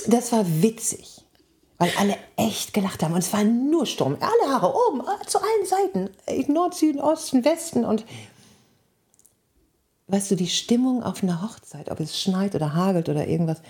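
A woman, a wedding officiant, telling wedding anecdotes in a casual chat, acting out dialogue in a raised voice and dropping to whispers. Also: breathy edge. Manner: lively storyteller, acts out dialogue in a high voice, drops to whispers.

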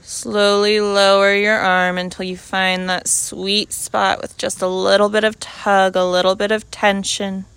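A woman instructing a guided yoga class, calmly cueing breath and movement in short, measured, unhurried phrases. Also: medium pitch, clean tone, dry recording.

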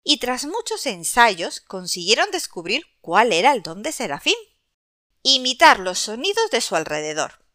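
A woman narrating a children's story expressively, addressing young listeners in an animated way. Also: fairly high pitch, moderate pace, no room sound, clean studio sound.

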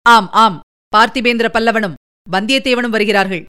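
A woman reading as a hurried young warrior. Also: on the high side, pushed and bright, clean tone. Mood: urgent. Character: young male warrior noble, urgent and hot-tempered.

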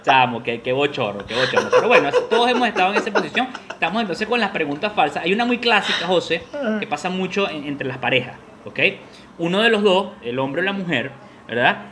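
A man's voice: high-pitched, animated, fast talker, a bit bright, a little hiss or hum. A man with a Venezuelan accent co-hosting a casual chat, telling stories and acting out voices, laughing often. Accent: Venezuelan Spanish. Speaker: podcast co-host.

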